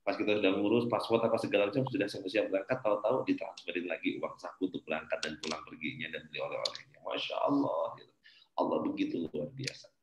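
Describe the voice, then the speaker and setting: Man, middle-aged, business coach, earnest motivational talk, deep voice, roomy echo. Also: fairly even intonation, fast, lo-fi sound, slight background noise. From Indonesia. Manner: earnest storytelling, swings between loud and soft. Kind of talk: motivational religious talk to a class.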